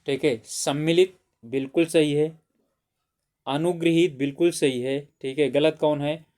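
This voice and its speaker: A man's voice: on the high side, fairly even intonation, a little slow, darkish tone. A man teaching an exam-prep grammar lesson, who keeps asking questions and answering them himself, often saying "theek hai".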